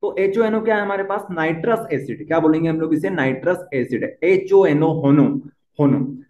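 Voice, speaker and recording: A man's voice: fairly high pitch, fairly quick. A young man teaching a chemistry lesson, often repeating key points and asking the class questions. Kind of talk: board-exam lesson at a whiteboard. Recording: dull, echoey room.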